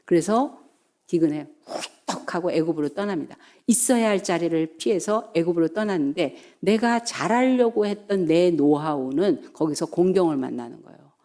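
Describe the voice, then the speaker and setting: Woman pastor preaching, mellow voice. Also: lowish voice, normal speed. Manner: animated storytelling, acts out quoted voices. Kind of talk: sermon.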